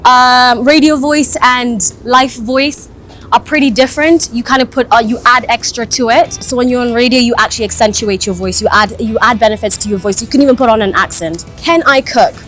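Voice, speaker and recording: A young woman from Kenya chats openly to the camera in a casual vlog, her voice sitting a little high. She laughs easily as she talks, recorded outdoors high up on a building. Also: moderate pace, a bit bright, soft background music. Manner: chatty, candid, laughs easily. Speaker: vlogger and radio host.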